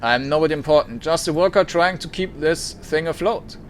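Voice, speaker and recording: A man's voice: fairly high pitch, fairly quick, slight background noise, lightly acted. A man voicing a wary, weary woman worker in a game, speaking in a guarded, terse way.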